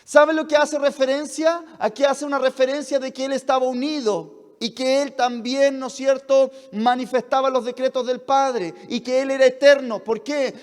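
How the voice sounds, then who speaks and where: A man preaching a fervent sermon as a pastor, asking rhetorical questions and pressing toward shouts. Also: extremely high pitch. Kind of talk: sermon at a leaders' retreat. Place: retreat hall. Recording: long hall reverb.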